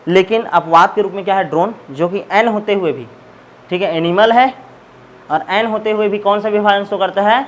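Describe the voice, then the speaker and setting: A man's voice: high voice, moderate pace. A man teaches biology in a lecture style. He poses questions to his students and answers them himself, repeating each key term. A faint hiss sits under the recording. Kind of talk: classroom lecture with call-and-response questions.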